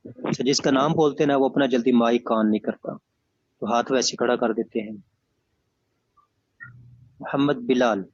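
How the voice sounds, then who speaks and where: A man's voice: mid-range voice, steady tone, pauses often, darkish tone, no room sound. A man teaching an online class, firm and methodical, explaining by repeating examples over dull lo-fi audio.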